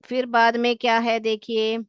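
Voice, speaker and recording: A woman teacher with an Indian accent explains alliteration. She reads example sentences slowly and sounds out the letters one by one, asking her students questions and answering them herself. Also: a little high, monotone, smooth, dry recording, dull audio. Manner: addresses students as beta, asks and answers her own questions. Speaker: English teacher. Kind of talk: classroom lesson explaining alliteration.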